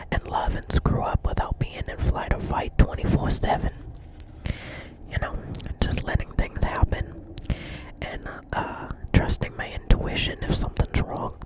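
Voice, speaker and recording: Whispered New Jersey receptionist role-play. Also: low-quality recording. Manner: rambling, earnest, repeats phrases and often checks in. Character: chatty, dreamy, earnest receptionist at a doctor's office.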